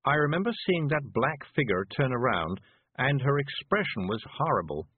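A man's voice: mid-range voice, sing-song, normal speed, slightly rough, no echo, voice pushed up. A man voicing a dazed, weary older woman witch who speaks faintly and dreamily. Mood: dreamy. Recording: dry tinny phone-like sound.

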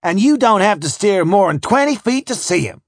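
Hollering overseer guy, high and loud, rough talk, a man doing the voice. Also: sing-song, a little slow, dry recording, clean studio sound, heavily acted. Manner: brash, hollering, rough dialect. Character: loud coarse boat overseer, brash man.

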